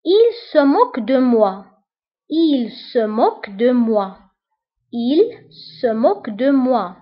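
A woman giving a language lesson, explaining briefly and then repeating each phrase with careful, deliberate enunciation. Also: high-pitched. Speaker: French teacher. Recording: dull lo-fi recording.

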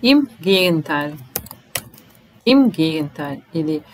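A woman teaching a language lesson, slowly repeating each phrase and then explaining it. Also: low-pitched, sing-song, slight background noise, rough recording. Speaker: German teacher.

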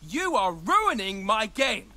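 A man's voice: sits high, big pitch swings, takes it slowly, sharp tone, exaggerated voice. An actor playing a sarcastic male game developer who narrates and teases the player in a video game. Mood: gloating. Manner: sarcastic, teasing.

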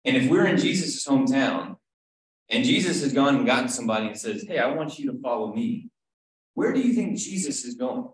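A man's voice: mid-range voice, sing-song, a little fast. A man teaching an online Bible study in a chatty way, often asking the group questions and checking in with "right?". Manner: conversational, asks the group questions, frequent "right?". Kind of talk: casual Bible study teaching on a video call. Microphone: video call. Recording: very echoey room.

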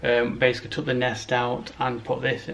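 Walking indoors through a house's rooms, a man in his thirties chats casually to a camera held at arm's length in a rambling, matter-of-fact manner. His mid-range voice is monotone, a bit bright, and at a normal pace, over clear handheld background noise.

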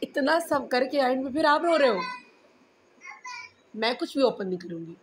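A woman's voice: high voice, animated, moderate pace, background noise. A young mother at home scolding her small child, repeating stern questions while fighting back laughter.

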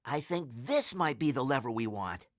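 A man's voice: medium pitch, sing-song, moderate pace, dry recording, clean studio sound, natural voice. A man voicing an eager, nervous young schoolboy in a storybook.

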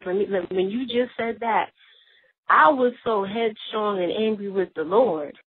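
A woman's voice: mid-range voice, a little slow, husky, no room sound. A woman appearing as a guest on a faith talk show, speaking in an earnest, confessional way as she shares her experiences. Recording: dry, tinny phone-line sound.

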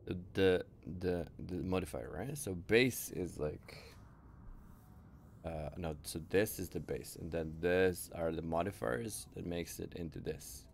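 A male streamer talks through his game in an unhurried, relaxed way. His voice is low and gravelly, and the chat is loose and playful, with idle humming between thoughts. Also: a little hiss or hum. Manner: playful, hums nonsense syllables, thinks aloud. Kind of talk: casual live gameplay chat.

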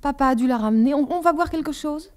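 A woman voicing a sharp-tongued, indignant teenage girl in an audiobook, with fast, heated, high-pitched outbursts. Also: lightly acted. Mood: falsely breezy. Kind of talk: audiobook dialogue reading.

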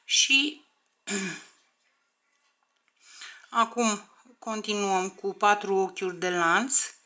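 A woman leads a step-by-step crochet tutorial in a medium-pitched voice that sounds pushed and bright. She counts stitches aloud, often under her breath, and keeps checking in with her viewers.

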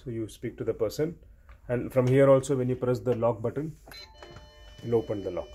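Faint music plays behind a man who explains equipment hands-on as a technician, breaking it into repeated steps. His dark, mid-range voice moves a little fast.

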